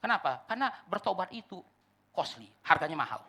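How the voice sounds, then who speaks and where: A male pastor preaching an expository sermon at a church service, animated and addressing the congregation directly. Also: high voice, brisk. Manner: animated preaching, acts out listeners' replies; addresses congregation repeatedly as "saudara-saudara".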